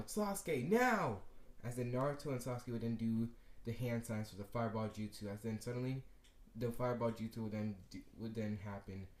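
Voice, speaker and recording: A man's voice: fairly low pitch, mellow. A young man improvising a fan-fiction story aloud, rambling with fillers and correcting himself as he goes. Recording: echoey room.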